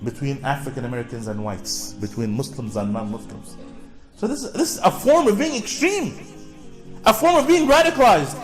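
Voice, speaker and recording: A man with a high voice lectures an audience, keeps asking questions and answering them himself, and calls for replies from the crowd. He often repeats words and restarts sentences. Soft music plays faintly underneath. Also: lively intonation, moderate pace. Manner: repetitive, with frequent restarts; draws responses from the audience. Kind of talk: public talk to an audience.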